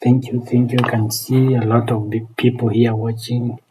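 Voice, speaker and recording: Teaching phone repair live, a technician and streamer with a Kenyan accent chats casually with viewers, replies to them, and tends to repeat himself. He speaks at a moderate pace in a medium-pitched, level tone against a noisy background.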